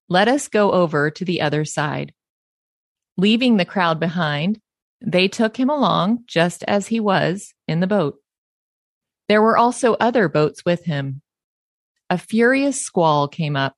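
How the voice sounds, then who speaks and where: A woman hosting a faith podcast who laughs easily and reads scripture aloud slowly and deliberately. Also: fairly low pitch, no echo, studio quality. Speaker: podcast host. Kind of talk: warm conversational podcast and scripture reading.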